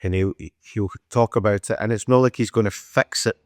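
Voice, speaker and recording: A man's voice: fairly low pitch, fairly even intonation, fairly quick, no echo, studio quality. A man in his thirties with a broad Scottish accent, giving a casual client testimonial. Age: 30s.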